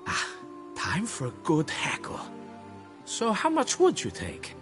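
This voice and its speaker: Brief: a man playing a shrill, fussy game foreman, voice swooping all over, always haggling. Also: wildly swooping pitch, takes it slowly, over music, exaggerated voice. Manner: flustered, pleading and haggling, old-fashioned oaths. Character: fussy, blustering male quarry foreman, middle-aged. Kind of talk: fan dub of a video game.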